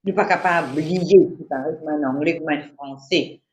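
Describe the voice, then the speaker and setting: A woman from Mauritius with a Mauritian Creole accent, chatting on the radio in an animated, repetitive, emphatic way. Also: low voice, moderate pace. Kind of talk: casual radio chat. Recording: roomy lo-fi radio recording.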